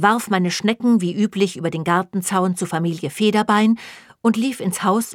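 A woman's voice: fairly low pitch, dry recording. Woman narrator, wry first-person audiobook reading, dry close mic. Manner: wry, even storytelling.

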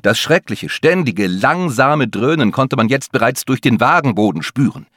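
A man's voice: medium pitch, expressive, normal speed, fairly bright tone, no room sound. Dramatic male audiobook narrator, dry. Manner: tense, dramatic storytelling. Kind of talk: scripted narration.

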